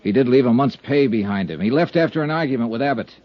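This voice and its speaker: A man playing a confident insurance investigator, in brisk 1950s radio drama style, narrating and questioning. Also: mid-range voice, animated. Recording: dull old radio recording.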